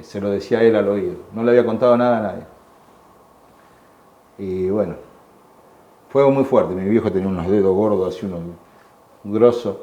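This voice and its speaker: Older Argentine man, low and mellow, recorded in an echoey room. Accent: Argentine Spanish. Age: 60s. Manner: halting, repeats words, acts out quoted voices. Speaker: war veteran interviewee. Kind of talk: emotional personal testimony. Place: museum room. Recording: echoey room with faint background hum.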